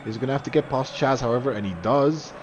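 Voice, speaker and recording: A young man with a mid-range voice commentates a live online match at a quick, chatty clip, his voice jumping sharply on goals and saves. He uses fillers and restarts often. The recording is muffled, with background noise.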